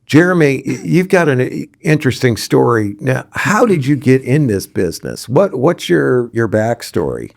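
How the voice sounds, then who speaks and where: A male podcast host with a gravelly, creaky edge to a middle-pitched voice. He steers the interview with friendly, joking asides. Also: very animated, normal speed, few pauses, darkish tone. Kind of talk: casual chat.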